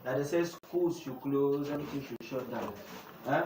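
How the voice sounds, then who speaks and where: A man's voice: medium pitch, normal speed. A young man with a Nigerian English accent, teaching a youth class and often asking the room to finish his sentences. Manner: call-and-response questioning. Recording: echoey room from far off, noisy.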